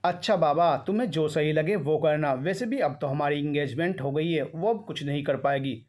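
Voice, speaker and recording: A two-faced young fiancé, soothing and placating, in a slightly raised, brighter tone, as a male storyteller plays him. He reassures his partner in a storybook reading. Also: a little high, moderate pace, lightly acted.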